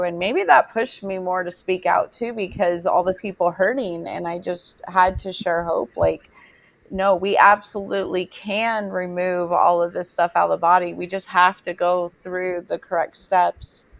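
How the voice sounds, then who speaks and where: A woman's voice: on the low side, steady tone, unhurried, gravelly, dry recording. A woman hosting an interview over a video call, talking earnestly with many fillers. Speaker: host.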